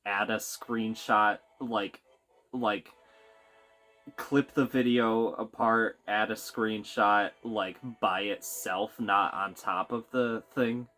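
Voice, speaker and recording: A man's voice: fairly low pitch, steady tone, slow pace, pushed and bright, faint music behind. A man streaming a video game, talking casually with a friend in a rambling, hesitant way full of "like". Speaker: gameplay streamer. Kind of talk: casual let's-play chat. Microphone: phone recording.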